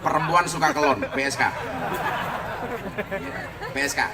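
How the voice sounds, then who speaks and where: A man preaching a comic sermon to an outdoor crowd, joking and loud. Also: fairly high pitch, a little slow. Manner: joking, loud, mixes local slang. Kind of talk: comic open-air sermon. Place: outdoor field gathering. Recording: echoey field recording from far off. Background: crowd laughing.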